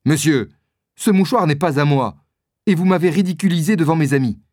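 A man's voice: a little high, fairly quick, darkish tone, no echo, studio quality, lightly acted. A man reading a storybook and voicing a smug male musketeer who speaks in a disdainful way.

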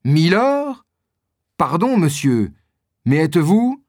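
A man reading a storybook aloud, voicing an eager, courteous young swordsman with a quick delivery. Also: fairly high pitch, lively intonation, mellow, dry recording, studio quality.

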